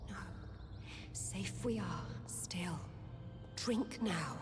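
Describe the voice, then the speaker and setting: A proud old leader of the undead in a game. Her voice is low and stern, with solemn old-fashioned phrasing, carried in long reverb with music underneath. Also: lively intonation, extremely slow. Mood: soothing, solemn. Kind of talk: dramatic video game voice acting.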